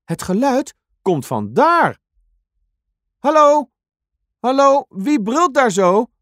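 A timid little bear cub from a children's storybook, as a woman reads it aloud, calls out in a very high, pleading voice. The voice climbs steeply and stays sharp and close. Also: sing-song, takes it slowly, no echo, exaggerated voice. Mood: worried calling. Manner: high, pleading, repeats hello.

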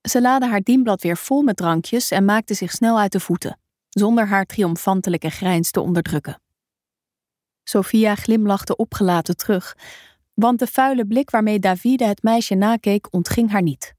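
Woman, audiobook narration, calm and even, dry close-miked sound. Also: mid-range voice, normal speed, dry recording. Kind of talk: scripted narration.

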